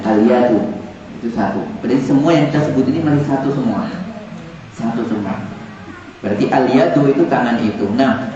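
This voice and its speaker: A man teaching Arabic vocabulary to a class, repeating words and joking with the students. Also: medium pitch. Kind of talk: classroom lesson. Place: large echoey classroom. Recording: echoey, distant, dull room recording with students.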